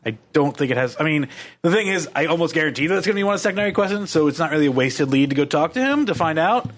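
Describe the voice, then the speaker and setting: A man's voice: on the high side, expressive, very fast. A man co-hosting a casual podcast, thinking aloud about a board game mystery. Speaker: podcast co-host. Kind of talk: casual chat.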